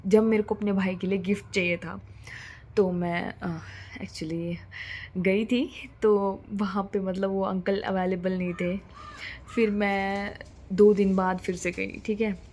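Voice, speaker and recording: A woman's voice: medium pitch, level tone, measured pace, darkish tone. A young woman chatting casually to camera as a vlogger, mixing English into her talk and sometimes dropping to a near whisper.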